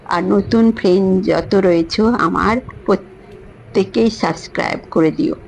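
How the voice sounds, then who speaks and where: A woman narrating her home worship vlog, repeating phrases and chanting prayers slowly. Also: medium pitch, gravelly, slight background noise, low-quality recording. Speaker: vlogger. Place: home shrine and her parlour.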